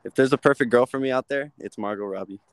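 A young man talks in an easygoing, slangy way, tossing in "bro" and "dude". His voice sits at an average pitch. It is a relaxed podcast chat among friends. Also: quick pace, clear, resonant tone, dry recording. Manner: laid-back, slangy, says bro and dude. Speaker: podcast guest. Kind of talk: casual chat.

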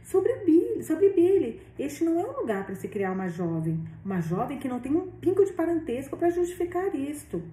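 Lady reading as an anxious old aunt, pleading and insistent, high voice, echoey room, mic far off. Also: sing-song, fairly quick, few pauses, warm tone. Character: worried older aunt, earnest and insistent. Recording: roomy echo, distant mic.

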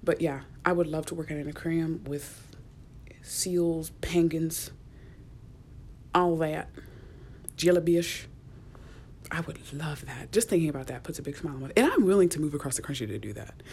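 Soft-spoken young woman rambling casually. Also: low-pitched, normal speed, long pauses, slight background noise. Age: young adult. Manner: soft, rambling, many fillers and restarts, drifting into whispers. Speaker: podcast host. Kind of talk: casual solo podcast rambling. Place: small enclosed room at work.

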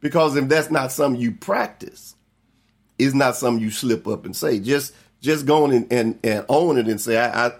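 A man's voice: medium pitch, moderate pace. Middle-aged pastor, man, teaching a Bible study through homespun stories, voices the people he quotes. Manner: folksy storytelling, acts out quoted relatives.

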